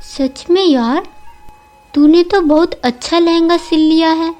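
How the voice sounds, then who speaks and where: A woman's voice: very high voice, takes it slowly, darkish tone, soft background music, pitched above the performer's own voice. Woman playing a cheerful supportive friend. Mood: encouraging. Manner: encouraging.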